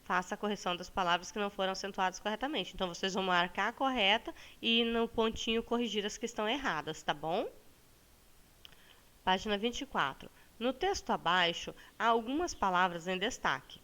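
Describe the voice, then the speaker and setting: A woman teacher with a Brazilian accent, walking students through a lesson with patience. She stretches words slowly to show the stressed syllable and often checks in with "tá bom?". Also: mid-range voice, pushed and bright. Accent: Brazilian Portuguese. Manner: ends phrases with a checking "tá bom?". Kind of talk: recorded classroom lesson for students.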